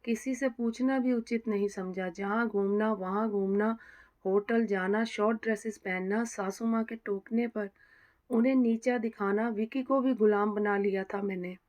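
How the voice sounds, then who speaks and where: A woman's voice: mid-range voice, steady tone, normal speed, darkish tone, close to an everyday voice. A woman voicing a remorseful, guilt-ridden young pregnant daughter-in-law who speaks in anxious, self-reproaching tones.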